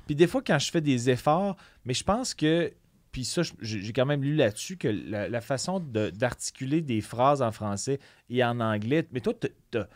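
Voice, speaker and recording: A man's voice: mid-range voice, expressive, normal speed, no echo, studio quality. A man with a Québécois French accent co-hosting a podcast, reading listener questions and joking about himself. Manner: self-mocking, reads listener questions. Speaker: podcast co-host. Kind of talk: casual chat. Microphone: studio mic.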